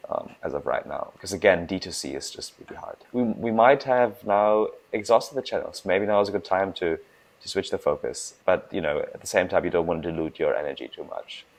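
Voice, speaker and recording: A young man from Germany, a startup founder giving casual interview answers, talking fast with restarts and emphasis. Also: low voice, vocal fry, poor audio. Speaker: guest, food startup founder.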